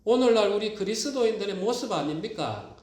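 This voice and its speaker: A man's voice: high-pitched, lively intonation, fairly quick, a little mellow, reverberant. A man preaching a sermon as pastor, acting out quoted prayers and pleas with lots of animation. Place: church sanctuary.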